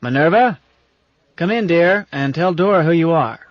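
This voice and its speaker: Brief: man voicing a bossy, folksy old skipper, firm and a bit loud, on a dull lo-fi track. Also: fairly high pitch, expressive, normal speed, no room sound, pitched above the performer's own voice, close to an everyday voice. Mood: stern, folksy. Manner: gruff, commanding, folksy. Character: gruff, bossy old space captain, affectionate. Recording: dull lo-fi audiobook recording.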